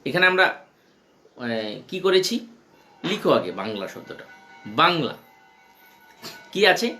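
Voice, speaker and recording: A man's voice: fairly high pitch, sing-song, a little slow, pushed and bright, soft background music. A man lecturing college students, explaining step by step and often repeating questions to the class. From India.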